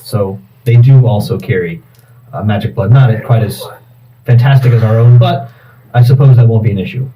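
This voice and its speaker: Male player, polished in-character patter, dark timbre, distant mic with faint hum. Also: lowish voice, moderate pace. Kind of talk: in-character tabletop role-play.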